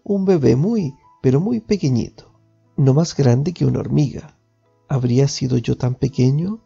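A man reading a storybook aloud in the first person of a child, gently and warmly. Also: medium pitch, creaky, slightly rough. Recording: dull lo-fi with faint music.

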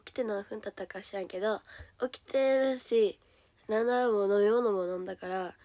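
A young woman with a Kansai accent chatting casually on a solo livestream, her voice hoarse and lower than usual, chatty and giggly and often dropping into soft whispers. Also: brisk, no room sound. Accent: Kansai Japanese. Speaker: idol livestreamer.

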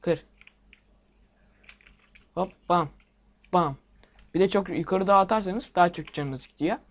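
A young man giving casual game commentary, excitable, swearing at the game and talking to his viewers. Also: high voice, measured pace. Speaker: gameplay video maker. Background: keyboard and mouse clicks.

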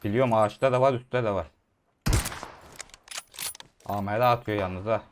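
A young man casting his own mobile shooter match, calling out enemies quickly and breaking into shouts and laughs in bursts. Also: fairly low pitch, background noise. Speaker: gaming YouTuber. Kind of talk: excited gameplay commentary.

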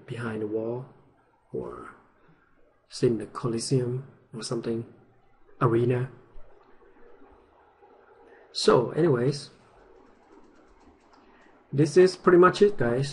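A man with a partly lost voice narrating a digital painting tutorial in a relaxed, halting way, with many ums and restarts. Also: medium pitch, gravelly.

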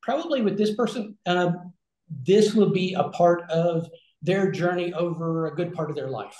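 On a video call from a small indoor room with shelves, a man in his forties working as a regenerative health concierge explains things conversationally, with many fillers and restarts. His voice sits high and is a little mellow at a moderate pace, picked up by the webcam in an echoey room.

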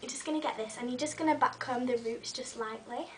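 At a quick pace, a young beauty vlogger with a cold chats casually and says um a lot while curling her hair. Her voice is fairly high and a bit croaky. Sitting back from her webcam in a small bedroom hung with fairy lights, she sounds a touch distant over a faint hiss.

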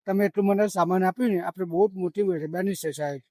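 A man's voice: high voice, fast talker, darkish tone, dry recording. An older man, a former comedian and magician, pleading and crying through an emotional interview outdoors. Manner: tearful, pleading, breaks into comic newspaper patter.

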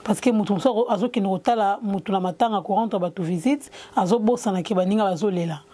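A woman's voice: medium pitch, fast, dark tone. A young woman hosting an interview in a clothing shop, switching between Lingala and French, speaking into a handheld mic. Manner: mixes Lingala and French, brief assents. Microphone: handheld mic with windscreen.

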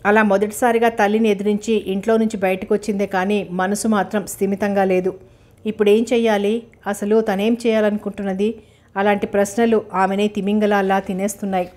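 A woman reads a novel aloud as an audiobook narrator. Her delivery is steady and measured, and her pitch sits in a middle range.

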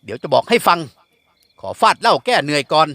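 A man voicing a rough, menacing male kidnapper who threatens slowly and quietly. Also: very animated, no echo. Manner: slow, low-voiced threats.

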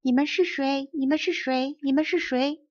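A woman voicing a polite, lonely little boy prince who asks gentle, earnest questions in a storybook reading. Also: high voice, fairly even intonation, moderate pace, voice pushed up, lightly acted. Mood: lonely calling. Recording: dull lo-fi recording.

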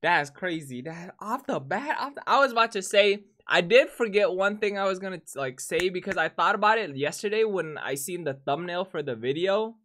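A young man hosting a reaction vlog in a rough, just-woke-up voice, chatting casually in slang and repeating himself as he rambles. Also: sits high, animated, normal speed, few pauses, fairly bright tone. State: rough morning voice. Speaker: reaction video host.

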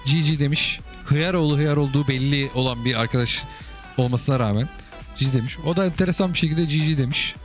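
A man's voice: medium pitch, fast talker, faint music behind. A man hosting casual commentary over viewers' game replays, chatty and asking the listener again and again whether they get it. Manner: chatty, keeps asking "you get it?" and calling the listener brother.

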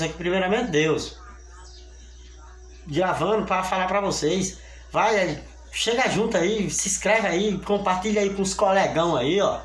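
Here's a high-pitched, somewhat bright male voice with slight background noise: an older family-channel vlogger from Brazil, ill with fever, who speaks with a Brazilian Portuguese accent. Cleaning his small kitchen as a phone on the counter records him, he rambles, repeats himself and pleads with his viewers in a casual appeal. The room sounds echoey with faint ambience.

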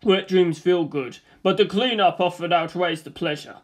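A reader acts out a crude male video-game character in a comic screenplay. He speaks in a deadpan, drawn-out way, musing with total seriousness. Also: medium pitch, close to an everyday voice. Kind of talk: comic screenplay read-aloud.

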